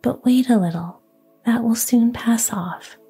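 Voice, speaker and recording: A woman whispering the lines of a dazed but calm young man in a fairy tale. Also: on the high side, measured pace, gravelly, slightly rough, soft background music, exaggerated voice.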